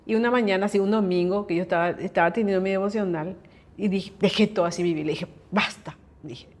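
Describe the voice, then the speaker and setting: Lively woman telling a faith story. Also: medium pitch, fast talker. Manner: lively storyteller who acts out quoted dialogue; often asks listeners to confirm. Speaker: host sharing a personal testimony. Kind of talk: conversational faith testimony.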